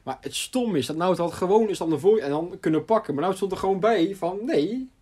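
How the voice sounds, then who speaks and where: A young adult man casually telling a funny school story, animated and laughing as he goes, with lots of fillers. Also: sits high, quick pace, husky.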